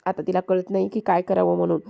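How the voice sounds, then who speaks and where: A woman casually retelling a TV serial episode, repeating herself often and pausing with hesitant fillers. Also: lowish voice, little pitch movement, creaky, dark tone, dull audio. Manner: repetitive storytelling with frequent hesitation fillers. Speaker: serial recap narrator.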